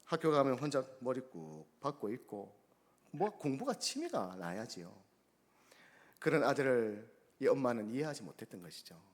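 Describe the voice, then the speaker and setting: A man, a guest pastor, delivering a sermon, preaching emphatically with sharp swings between soft and loud and acting out the people in his stories. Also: mid-range voice, very animated, moderate pace. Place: church sanctuary. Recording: long church-hall reverb.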